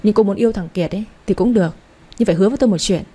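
A woman's voice: mid-range voice, racing, warm tone, slightly rough, close to an everyday voice. Woman doing a stern, domineering older mother. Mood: angry. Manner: curt, commanding, impatient.

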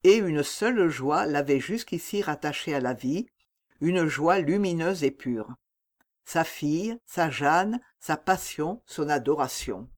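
A man narrating a classic novel as an audiobook, with a measured, dramatic reading. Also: a little high, expressive.

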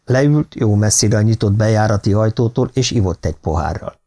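A man narrating a thriller audiobook in a steady, even reading style. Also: on the low side. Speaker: audiobook reader.

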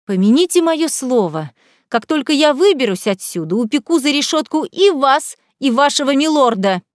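Woman voicing a defiant young female captive, raised pitch, sharp and indignant, storybook reading, dry sound. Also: very animated, moderate pace, no room sound. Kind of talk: audiobook reading.

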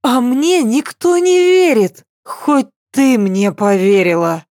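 A woman's voice: fairly high pitch, animated, a little mellow, no room sound, studio quality, pitched above the performer's own voice. A woman voicing a tipsy, stubborn young woman who drags out her words and insists indignantly. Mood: tipsy insistent. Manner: drawn-out, slurred, indignant insistence.

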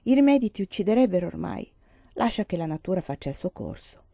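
A woman voicing a calm, detached male doctor who speaks in a matter-of-fact way. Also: fairly low pitch, quick pace, vocal fry, dry recording, muffled recording, heavily acted.

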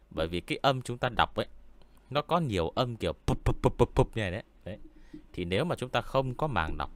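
A man with a deep voice, hosting a story-reading channel and chatting casually with viewers, unhurried and full of hesitant fillers. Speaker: horror story reader and channel host. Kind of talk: casual livestream chat answering viewers. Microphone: studio mic with pop filter.

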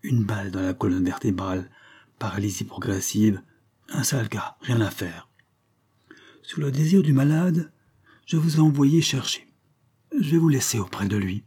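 A man's voice: animated, moderate pace, warm tone, husky. A man reading a story, voicing a grave male doctor who sometimes drops his voice almost to a whisper. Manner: grave, lowered to a whisper at times.

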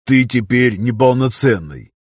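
A man voicing a stern, mocking male master of arena fighters, speaking slowly and seriously in an audiobook. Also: medium pitch, lively intonation, breathy edge, no echo, clean studio sound. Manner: stern and slow, with a scoffing edge.

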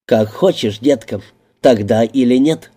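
Here the reader portrays a coercive, self-satisfied man, speaking slowly and evenly with a coaxing threat underneath. The very dark, mellow voice holds a middling pitch and an unhurried, level pace, close to an everyday voice and cold in mood.

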